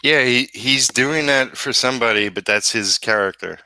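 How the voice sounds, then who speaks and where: A man's voice: mid-range voice, moderate pace, sharp tone, clean tone, no room sound, poor audio. A man with a Brooklyn accent chatting casually as a livestream co-host and reading out viewer comments. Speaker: show co-host.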